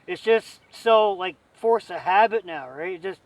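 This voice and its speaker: A man's voice: high-pitched, animated, unhurried, no echo, far from the mic. A man hosting a camping vlog, chatting casually to camera and a friend in a rambling, joking, folksy way.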